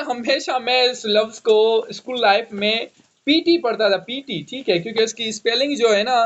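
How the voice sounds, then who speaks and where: Slow high-voiced man teaching. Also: a bit bright. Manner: spells words letter by letter, repeats "okay" often. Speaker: English teacher. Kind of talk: online vocabulary lesson. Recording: dull lo-fi online class audio.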